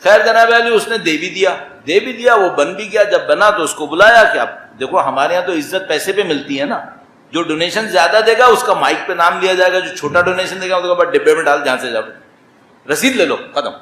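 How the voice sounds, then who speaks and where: A man with a Pakistani Urdu accent preaches a sermon to a gathered audience. His voice sits somewhat high and often rises into emphatic exclamations. The hall sounds echoey, with faint ambient noise behind him. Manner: animated, rising to emphatic exclamations. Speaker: religious speaker.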